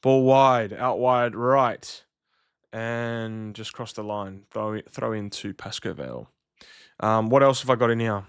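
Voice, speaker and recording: A man's voice: lowish voice, unhurried, clear, resonant tone, no room sound, studio quality. A man casually chatting on a live stream while commentating a football match and reading out his list of vintage jersey clubs. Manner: chatty, loose, reacting to chat and soundboard clips.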